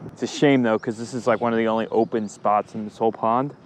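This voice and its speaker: A fast-talking fishing vlogger with a lowish, steady voice chats informally with viewers at a pond, dropping some mild slang. Noisy outdoor sounds fill the recording.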